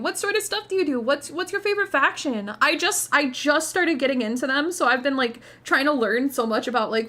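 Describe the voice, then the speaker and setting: A woman with a high, bright voice hosts a livestream like a cute anime streamer. Her delivery is bubbly and excitable, swinging widely in pitch as she gushes to her chat in casual, sweary talk. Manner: gushing, excitable, swearing freely. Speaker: VTuber livestream host.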